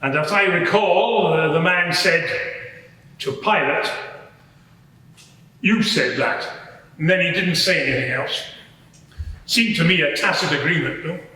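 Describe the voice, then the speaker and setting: Before a live audience at a staged courtroom inquiry, this actor portrays a Roman soldier giving plain, explanatory testimony, measured and a touch hesitant. His pitch is fairly high, his delivery pushed and bright. The big courtroom in a public building makes the recording very echoey.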